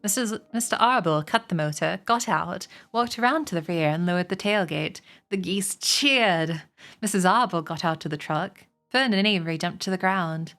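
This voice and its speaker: A woman reading a children's novel aloud on a stream, slowing and lifting her voice for the characters' lines. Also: lowish voice, fairly bright tone. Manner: slows and lifts her voice for quoted characters.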